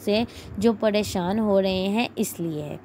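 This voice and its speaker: A woman's voice: mid-range voice, measured pace, dark tone, slight background noise, lightly acted. A woman voicing a boastful young man who mocks his brothers as cowards, in a cocky, needling manner. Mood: mocking. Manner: mocking, cocky.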